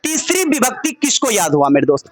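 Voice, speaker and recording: A man's voice: very high-pitched, very animated, brisk, over a noisy crowd. A man with a Bhojpuri-inflected Hindi accent, a Sanskrit teacher leading a classroom lesson. He drills students in call-and-response, chanting word forms in a sing-song way and coaxing them with jokes. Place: classroom with children.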